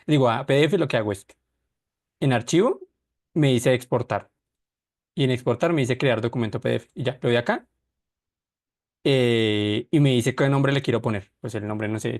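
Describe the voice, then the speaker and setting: A man's voice: mid-range voice, gravelly. A man teaching an online class, explaining step by step with many restarts and self-corrections.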